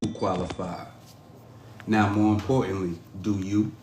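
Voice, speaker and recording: A man performing a spoken-word poem to a woman in a measured, dramatic, pleading delivery. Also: lowish voice, steady tone, a little mellow, slight background noise. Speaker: podcast host performing a poem. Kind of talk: spoken-word poetry recital. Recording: roomy echo.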